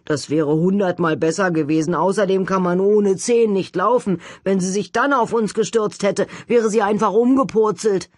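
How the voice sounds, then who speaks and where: Grumbling teenage boy, put on by a woman, husky low tone, dry close sound. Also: no room sound, lightly acted. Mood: reproachful. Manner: grumbling, reproachful, lower and slower.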